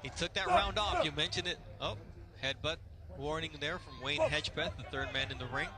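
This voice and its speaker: A man's voice: on the high side, huge pitch swings, a little fast, crowd noise. A man calling a boxing match live as the play-by-play commentator.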